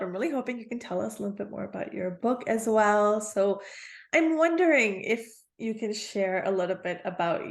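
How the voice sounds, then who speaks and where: Upbeat woman hosting a podcast. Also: mid-range voice. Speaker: podcast host. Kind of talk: casual interview conversation.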